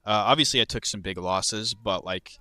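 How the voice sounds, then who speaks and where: A young man streaming live with a lowish, forceful voice that sounds smooth and crisp. He talks in a loose, casual way, swearing often and answering viewers' chat questions. The sound is dry, with no room echo. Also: moderate pace. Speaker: livestreamer and crypto trader.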